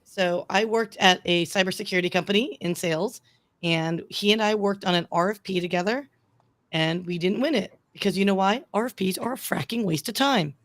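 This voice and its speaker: A woman talks casually in a blunt, opinionated way. She stays playful about it. Her voice sits at an ordinary middle pitch. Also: brisk, no room sound. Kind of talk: casual chat.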